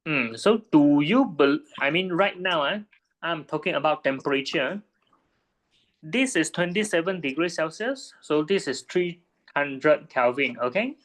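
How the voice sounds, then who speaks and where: A man's voice: a little high, animated, measured pace, a bit bright. A man tutoring a student one-on-one in physics, patiently checking her understanding with frequent tag questions.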